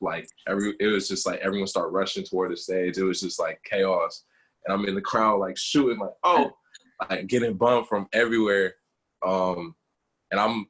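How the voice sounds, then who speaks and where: A young man with a deep, husky voice talks casually as an interview guest. He tells stories with lots of "like" and "um", and he lifts his voice as his stories get going. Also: low-quality recording. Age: young adult. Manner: animated storytelling with lots of fillers. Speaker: guest photographer.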